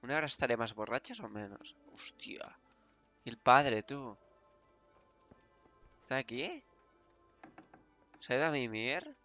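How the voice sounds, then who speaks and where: A young man with a Spain Spanish accent giving casual let's-play commentary, swearing, laughing and exclaiming loudly. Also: medium pitch, very animated, unhurried, long pauses, soft background music. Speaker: gaming youtuber.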